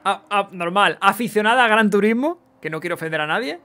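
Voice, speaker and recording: A man's voice: high-pitched, lively intonation, fast talker, bright, forceful tone. Chatty streamer man. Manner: chatty, swears casually, reads chat aloud. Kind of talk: casual live gameplay chat.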